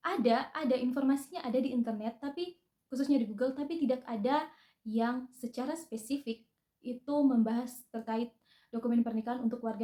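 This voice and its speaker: A young woman vlogger talks in a friendly, chatty way, slipping in small hesitant fillers as she goes. Her voice sits a little high. The room around her adds a clear echo. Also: mellow. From North Sulawesi, Indonesia. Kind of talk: casual personal vlog.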